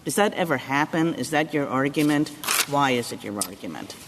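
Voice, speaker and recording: A man's voice: fairly high pitch, expressive, fairly quick, long reverb tail, background noise. A man questioning a lawyer as a judge in oral argument, pressing with repeated questions.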